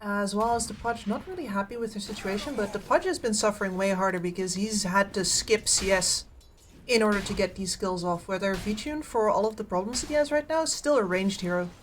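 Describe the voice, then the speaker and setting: A woman co-commentates an esports match with analysis of the plays. Her pitch is average for a woman. Faint game noise sits behind her voice. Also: brisk.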